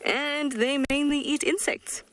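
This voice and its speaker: A woman's voice: sits high, steady tone, unhurried, fairly bright tone. A woman guiding a live safari outdoors, chatty and playful as she describes birds. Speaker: safari guide. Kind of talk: live wildlife commentary. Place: outdoors in the bush.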